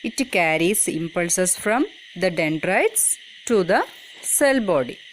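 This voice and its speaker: A woman's voice: on the low side, animated, slow, a little hiss or hum. A woman reading a scripted educational narration for a school lesson. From Kerala, India.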